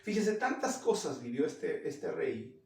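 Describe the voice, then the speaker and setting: A man's voice: on the high side, very animated, measured pace, a little mellow. A male pastor preaching a sermon, retelling a story and asking the congregation earnest, direct questions. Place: church. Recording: roomy echo, mic at a distance.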